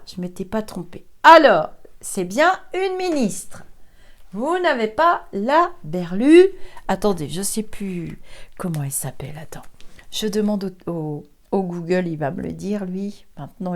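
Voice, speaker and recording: A woman's voice: medium pitch, very animated, a little slow. A woman, older, giving a chatty psychic card reading, laughing often and sometimes dropping to a whisper. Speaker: psychic reader. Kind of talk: casual tarot reading chat.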